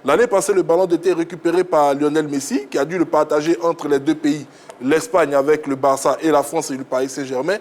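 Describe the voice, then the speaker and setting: Male pundit, slightly high, assured explainer. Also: fairly even intonation, brisk, a little mellow. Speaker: football pundit. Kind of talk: studio analysis.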